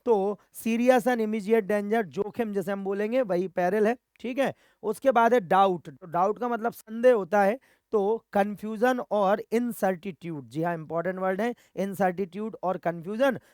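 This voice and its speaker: High-voiced Indian man teaching vocabulary. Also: moderate pace, hardly any pauses, darkish tone, no echo, studio quality. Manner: repetitive, drilling, asks and answers own questions. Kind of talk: Hindi-English vocabulary lesson.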